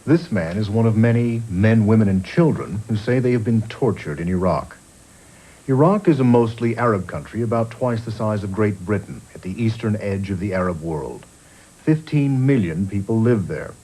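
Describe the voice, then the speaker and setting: A man, a journalist, giving measured, grave documentary narration, heard from a worn VHS tape copy. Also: fairly low pitch, animated, dark tone, breathy edge, rough recording. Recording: faint music underneath, worn tape.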